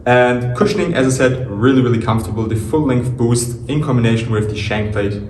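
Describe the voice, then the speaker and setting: A man's voice: medium pitch, fairly quick, darkish tone. A man giving a casual shoe review as a vlog in a locker room, recorded without a proper microphone. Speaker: basketball player and shoe reviewer presenting a vlog. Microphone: camera or phone mic at a distance, no proper microphone. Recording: echoey locker room, distant mic, faint noise.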